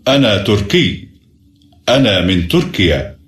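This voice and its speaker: A man performing a scripted textbook dialogue with clear enunciation. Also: fairly low pitch, big pitch swings, fast, a bit bright, roomy sound.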